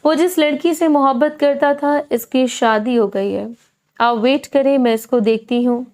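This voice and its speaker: A soft-spoken young aunt, as a woman reader puts her on in an audiobook novel. She comforts in a gentle, soothing tone. The pitch is somewhat high.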